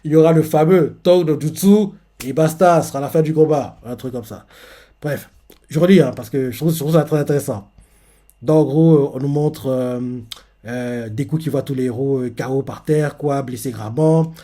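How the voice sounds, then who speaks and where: A man with a fairly high voice walks through a comic chapter, retelling each scene and stopping to comment as he goes. His speech rambles and is full of fillers and restarts. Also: normal speed, dark tone. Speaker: manga reaction host.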